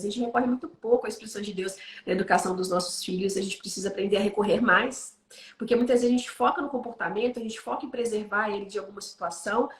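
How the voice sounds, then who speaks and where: Woman, brisk conversational teacher, animated storyteller, a bit high, roomy echo. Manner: animated storytelling, frequent "né?" tags.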